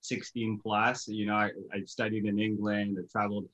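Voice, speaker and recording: A man's voice: fairly low pitch, monotone, moderate pace, a bit bright, rough recording. A man from Uganda, explaining his background steadily to an interviewer over a video call from home. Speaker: guest, recruiter and author. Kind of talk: casual interview chat. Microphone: video call webcam.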